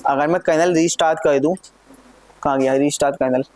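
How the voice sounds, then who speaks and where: A man teaching a live programming lesson, talking through code step by step and often asking his students whether it is clear. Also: on the high side, fairly even intonation, fairly quick, a little mellow. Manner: checks in often with questions to students. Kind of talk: live classroom coding lesson.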